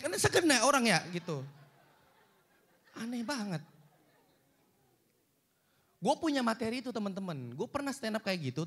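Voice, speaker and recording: Animated young man doing stand-up. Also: high-pitched. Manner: animated storytelling that acts out quoted dialogue. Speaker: stand-up comedian. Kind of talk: stand-up comedy set. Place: cinema stage with a live audience.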